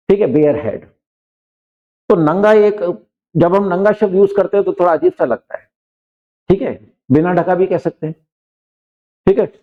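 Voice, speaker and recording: A male English teacher with an Indian accent, explaining vocabulary patiently and repeating his words. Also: high voice. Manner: explains patiently, repeats words and often says "theek hai". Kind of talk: classroom vocabulary lesson. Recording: dull lo-fi sound.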